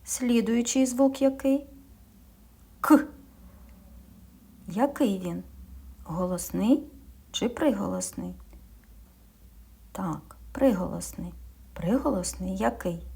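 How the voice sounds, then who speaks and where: Woman, kindergarten teacher; slow, patient, slightly husky, quizzes the children and answers herself. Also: mid-range voice, animated, mellow. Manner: slow, patient, asking and answering her own questions, drops into whispers. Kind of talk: speech lesson for young children.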